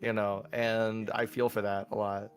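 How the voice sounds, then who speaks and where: A man with a somewhat low voice co-hosts a casual conversation. He talks haltingly and fills his sentences with "like." Faint music plays behind him. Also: flat delivery. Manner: halting, heavy use of "like". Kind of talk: casual chat.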